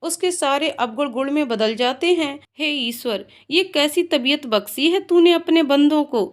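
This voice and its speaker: Woman narrating heartbroken husband, sorrowful, praying, high voice. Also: lively intonation, a little slow. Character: grieving Punjabi husband, heartbroken.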